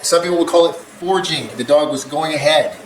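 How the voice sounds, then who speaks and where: Fairly high and fairly quick, this is the voice of a veteran dog trainer, an older man reacting in a blunt, meandering way with the occasional chuckle. The room echoes and carries a faint background hum.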